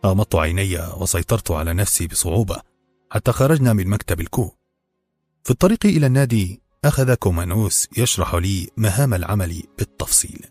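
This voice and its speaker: Deep-voiced man narrating a novel. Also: dry recording, faint music behind. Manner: steady, measured storytelling. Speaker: audiobook narrator.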